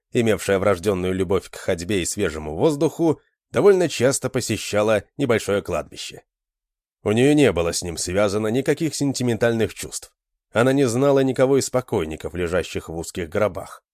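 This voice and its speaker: A man reading an audiobook aloud, with lively, expressive storytelling into a close mic. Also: lowish voice, no echo. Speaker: narrator.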